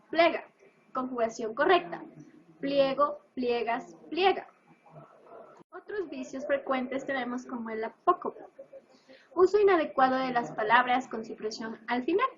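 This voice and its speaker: A high-voiced woman reads a school presentation aloud, running through examples one after another in a list-like rhythm. The recording is dull and lo-fi. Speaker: student presenter.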